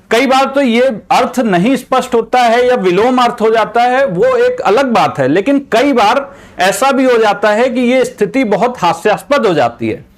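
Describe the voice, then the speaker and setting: A man with a fairly high voice delivers an exam-preparation lecture. He explains patiently, restating each point in several ways before moving on. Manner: explanatory, repeats and rephrases points. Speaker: teacher.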